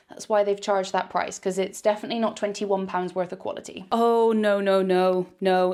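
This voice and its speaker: Chatty British woman reviewing fashion. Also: medium pitch. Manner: candid, animated, quick asides. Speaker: fashion vlogger. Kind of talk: chatty try-on haul review.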